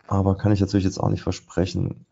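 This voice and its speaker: A man's voice: sits low, monotone, quick pace, vocal fry, warm tone, muffled recording. A man commenting live on market charts as he trades, thinking aloud with many fillers. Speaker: trader presenting a live trading session. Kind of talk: live market commentary over screen share.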